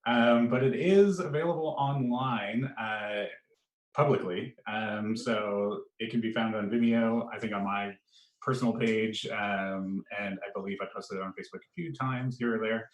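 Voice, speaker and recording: A man's voice: fairly low pitch, normal speed, distant mic. A man who made a short film answering a Q&A question over a video call, hesitant and searching for words. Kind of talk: festival Q&A answer. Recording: echoey room.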